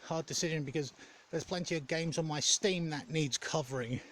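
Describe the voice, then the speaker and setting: A man giving a casual, rambling vlog update in a hesitant, halting way, often correcting himself. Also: on the high side, a bit bright, slight background noise. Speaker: gaming content creator.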